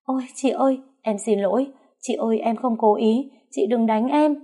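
A woman's voice: fairly high pitch, moderate pace, dark tone, pitched above the performer's own voice, natural voice. Woman putting on a whiny fake-innocent young woman. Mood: whiny pleading. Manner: pleading, wailing. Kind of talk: audiobook reading.

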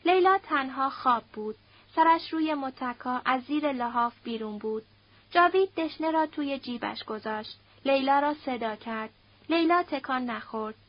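A woman narrates a novel in a measured, steady storytelling voice. Her voice sits high, and the recording sounds dull and lo-fi. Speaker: audiobook narrator. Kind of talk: scripted literary narration.

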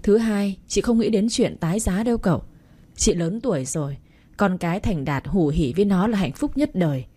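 Storybook figure: a woman voicing a tender, motherly older woman, mellow and husky. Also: mid-range voice, expressive, normal speed. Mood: gentle. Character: kind older single mother, gentle and tender.

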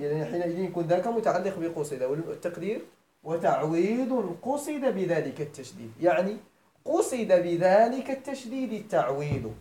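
Moroccan male grammar teacher, middle-aged, animated up-and-down delivery, checks in with the class often, roomy echo. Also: high voice. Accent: Moroccan Arabic. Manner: explains step by step, repeats phrases, checks students' understanding; switches between formal Arabic and Moroccan dialect. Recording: echoey room.

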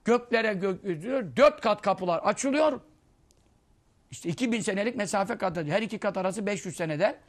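A man giving a conversational religious lesson, telling anecdotes and acting out the people he quotes. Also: brisk. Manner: storytelling, acting out quoted voices, lively swings in pitch and loudness. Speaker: Islamic preacher teaching hadith.

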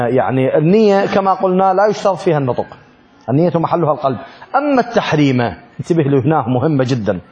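A man's voice: a little high, a little mellow. A man teaching Islamic law from a classical text, asking questions and answering them himself, repeating key words for emphasis. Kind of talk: religious lesson, explaining a classical text.

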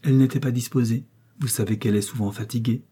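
A man's voice: medium pitch, steady tone, fast, slightly rough, close to an everyday voice. Man voicing a timid young wife. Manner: timid, soft, pleading. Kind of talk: audiobook character reading.

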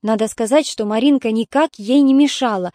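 A woman narrating an audiobook in a steady storytelling manner. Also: on the high side, a little fast, no echo, clean studio sound.

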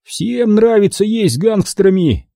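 A man's voice: high-pitched, expressive, unhurried, creaky, mellow, no room sound, clean studio sound, voice pushed up, full character voice. A man voicing an easygoing, chatty older café owner, wheedling and jokey, in an audiobook. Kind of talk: audiobook character voice.

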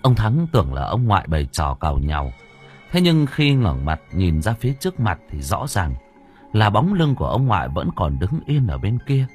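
A man reading a story aloud with dramatic, lively narration. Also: on the low side, moderate pace. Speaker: audiobook narrator. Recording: faint background music.

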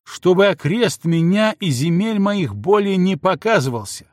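A man's voice: slow pace, creaky, husky, no echo, clean studio sound, full character voice. A man voicing a furious jealous princess who screams insults at her husband. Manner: screaming insults, shrill and frantic. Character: furious jealous young princess, shrieking wife.

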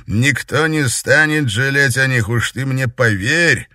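A man voicing a powerful, stern and secretive emperor father who talks in a measured, commanding way. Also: mid-range voice, bright, forceful tone, no room sound, studio quality, pitched above the performer's own voice.

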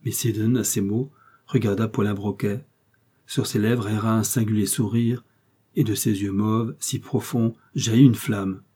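A man narrating a novel, measured and dramatic. His voice sits fairly low with a mellow, dark tone and a husky grain. He reads with steady, deliberate pacing. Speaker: audiobook narrator.

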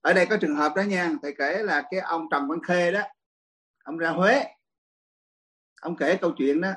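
A man, a Buddhist monk teacher giving a dharma talk Q&A, telling stories lively and laughing often. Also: a little high, normal speed, poor audio.

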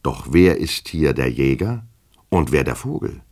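A man playing a pompous, touchy petty official, husky. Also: extremely low pitch, big pitch swings, unhurried, a little mellow, full character voice. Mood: pompous indignant. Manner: stiffly formal, indignant, self-important.

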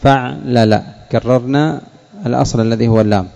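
Gravelly man teaching a slow lesson. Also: medium pitch, dark tone. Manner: slow, deliberate, repeats key words for students. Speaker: sheikh teaching Arabic morphology. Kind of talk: classroom lesson with questions to students. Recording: dull lo-fi lesson recording.

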